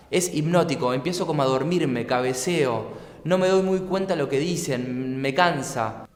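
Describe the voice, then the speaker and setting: A man with an Argentine accent teaching a lesson, explaining clearly and patiently and asking rhetorical questions. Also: fairly high pitch. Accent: Argentine Spanish. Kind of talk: explanatory lecture. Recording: echoey room with long reverb.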